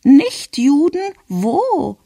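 A man reading aloud and voicing a bewildered elderly grandmother who asks short, drawn-out questions in a raised voice. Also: high-pitched, very animated, creaky, dark tone, no room sound, studio quality, voice pushed up, heavily acted. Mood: baffled.

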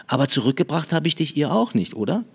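A man reading aloud, voicing a restless, teasing young boy with a raised, quick voice. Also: sing-song, gravelly, husky, full character voice. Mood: teasing, probing. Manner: quick, raised boyish pitch. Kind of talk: audiobook reading.

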